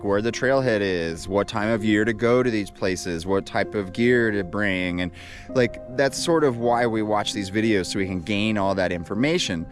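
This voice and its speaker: A man talking casually and reflectively to his viewers as an outdoor adventure vlogger. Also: lowish voice. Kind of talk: reflective casual vlog talk. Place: outdoors on a trail.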